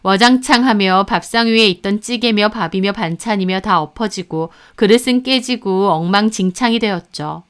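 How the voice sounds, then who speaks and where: A woman's voice: mid-range voice, normal speed, few pauses, smooth. A woman narrating a first-person family story in an aggrieved storytelling tone.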